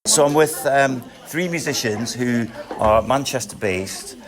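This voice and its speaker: A man presents a radio piece in a brisk, chatty way, moving each musician along. He speaks at a mid pitch. Crowd chatter hums around him. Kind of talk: radio interview. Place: busy venue after a show.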